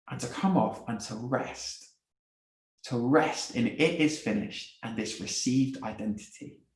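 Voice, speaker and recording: Male speaker, mid-range voice, earnest gospel talk with repeats and hushed moments, roomy echo. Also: medium pitch. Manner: earnest, repeats words, drops to soft quiet phrases. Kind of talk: evangelistic talk. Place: university event room. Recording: echoey room.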